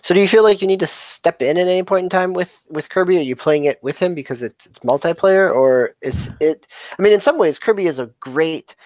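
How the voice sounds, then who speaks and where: Podcast co-host, man, mid-pitched, curious and lively, muffled dry recording. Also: a little fast, hardly any pauses, no room sound. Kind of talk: casual gaming chat. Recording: dull lo-fi mic.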